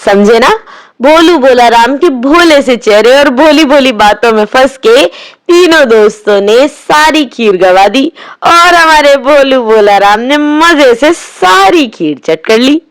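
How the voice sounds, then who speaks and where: A woman's voice: high-pitched, animated, takes it slowly, dry recording. A woman narrating a children's story expressively, addressing her young listeners directly.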